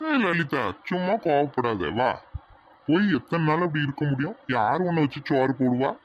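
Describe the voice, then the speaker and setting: A man's voice: fairly high pitch, expressive, moderate pace, highs cut off, slight background noise, lightly acted. A man voicing a lazy, food-loving husband in a cartoon, coaxing and easygoing. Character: lazy husband who drinks and craves food.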